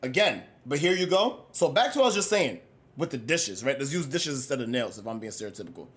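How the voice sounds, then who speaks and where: A young man livestreaming, chatting casually with his viewers in a slangy, rambling, animated way. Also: mid-range voice, fast talker. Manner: animated, rambling, slangy, swings between loud and mumbled. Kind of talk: casual chat with live chat.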